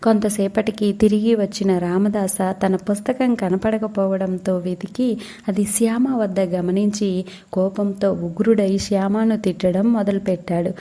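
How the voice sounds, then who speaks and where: A woman narrating a devotional audiobook in a steady, explanatory reading style, as a spiritual teacher. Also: mid-range voice, a little slow.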